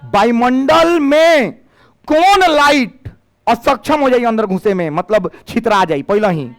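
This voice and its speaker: Lively teacher man, high voice. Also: measured pace. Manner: lively, questioning students, mixing in Bhojpuri phrases. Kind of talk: classroom physics lecture. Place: classroom.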